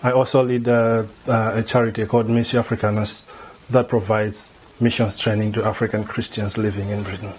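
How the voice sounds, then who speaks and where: A middle-aged man from Malawi, a theology lecturer, answering interview questions in a measured way, often repeating words as he thinks. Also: lowish voice, flat delivery, darkish tone, slight background noise. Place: indoor room before a banner.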